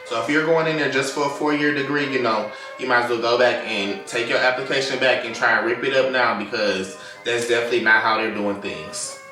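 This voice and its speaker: A man's voice: mid-range voice, steady tone, a little fast, hardly any pauses, bright, forceful tone. A man giving a casual, candid storytime talk, explaining things informally as a vlogger. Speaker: storytelling vlogger, former Air Force member. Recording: roomy echo, distant mic, music behind. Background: clear background music.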